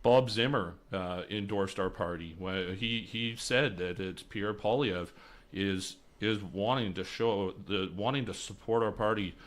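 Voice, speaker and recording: A young election candidate from the Lower Mainland of British Columbia answers interview questions in a radio studio, speaking into a boom-arm studio mic. His voice is on the low side and his pace measured. He comes across as earnest, restarting and repeating words as he searches for what to say.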